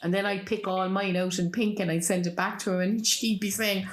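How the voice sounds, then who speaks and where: A woman with an Irish accent, chatting and telling anecdotes in a lilting, animated storyteller's way. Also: medium pitch, brisk. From Ireland. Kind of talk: casual conversational storytelling.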